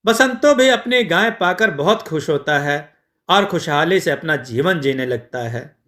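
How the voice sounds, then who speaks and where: A man narrating a moral folk tale in a measured storytelling style. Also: on the high side, lively intonation, bright, forceful tone.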